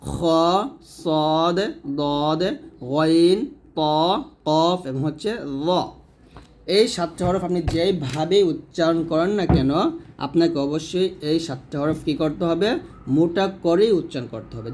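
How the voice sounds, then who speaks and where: Male teacher, fairly high voice, patient step-by-step pronunciation lesson, models each sound aloud. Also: darkish tone, a little hiss or hum. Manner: explains slowly, models each letter sound, repeats it. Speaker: Quran recitation teacher.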